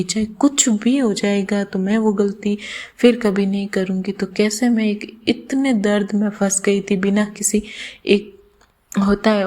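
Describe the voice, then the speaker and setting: A young woman vlogger telling a personal story in an earnest, halting way, with many restarts. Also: medium pitch, mellow. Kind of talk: personal confessional vlog.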